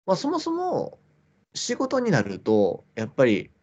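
A man's voice: high-pitched, wildly swooping pitch, measured pace, darkish tone, muffled recording. A man in his twenties with a Kansai accent, an easygoing podcast co-host chatting casually. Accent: Kansai Japanese. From Kansai, Japan. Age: 20s. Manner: easygoing, frequent short affirmations. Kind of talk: casual chat.

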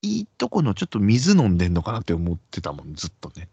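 A man with a Kansai accent tells a story in casual chat, his pitch swinging widely as he acts out each person in it. His voice sits low and a little husky. The sound is dry and dull, like a lo-fi recording. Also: quick pace, no echo. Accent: Kansai Japanese. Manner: animated, acts out quoted voices in pitch jumps and whispers.

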